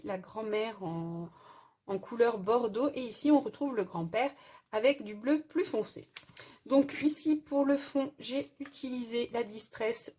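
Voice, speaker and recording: A woman with a somewhat high, breathy, husky voice talks through a craft tutorial. She explains each step plainly and hesitantly, often pausing on filler sounds as she shows her work. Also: darkish tone. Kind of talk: casual crafting tutorial voice-over.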